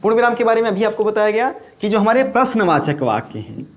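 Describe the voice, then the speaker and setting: A male grammar teacher with a high-pitched voice gives an exam-prep lecture. He explains patiently and repeats key points, calling his students bhaiya. Insects chirp faintly in the background. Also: very animated, fast talker, a little hiss or hum.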